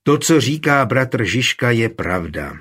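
A man's voice: mid-range voice, very animated, fairly bright tone, slightly rough. A man reading an urgent, emphatic nobleman calling for armed struggle.

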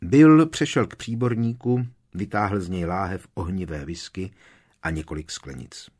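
A man narrating an audiobook in a measured, solemn reading. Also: low voice, a little mellow, breathy edge. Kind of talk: scripted narration.

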